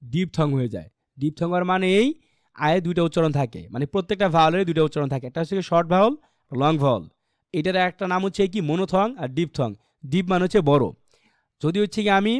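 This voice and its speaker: Bangladeshi male English tutor, high-pitched and dry-sounding, quizzes students as he sounds out each letter. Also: no room sound. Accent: Bangladeshi Bengali. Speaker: English pronunciation teacher. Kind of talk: live online class lecture.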